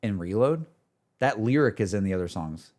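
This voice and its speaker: A streamer with a fairly low, expressive, slightly mellow voice talks to his chat at a moderate pace. He reacts off the cuff in a casual, slangy, repetitive way, full of "like", "bro" and "dude".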